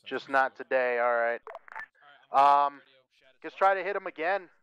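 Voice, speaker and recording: A man's voice: mid-range voice, expressive, measured pace, fairly bright tone, clear, resonant tone, no room sound, low-quality recording. A man acting as commander in a military simulation game, giving matter-of-fact orders in radio procedure. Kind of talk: military radio chatter in gameplay.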